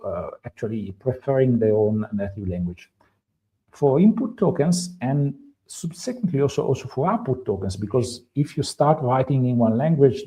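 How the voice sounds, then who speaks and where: A native Italian speaker from Italy, this man co-hosts a live tech stream and presents a guide with an Italian accent. His medium-pitched voice sounds warm, but the recording is rough. He speaks hesitantly, with lots of fillers and restarts.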